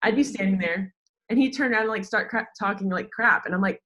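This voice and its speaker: A woman in her twenties with an American accent speaks quickly in a mid-range voice that sounds pushed and bright. She's a podcast guest who works in sports social media, chatting informally in an interview and saying "like" constantly.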